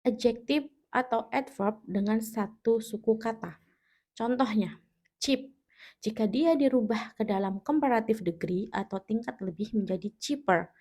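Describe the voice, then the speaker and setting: A woman's voice: on the high side, a little slow, mellow. A woman teacher with an Indonesian accent giving a grammar lesson, explaining step by step and checking that students understand. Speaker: English teacher. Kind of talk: classroom-style grammar lesson.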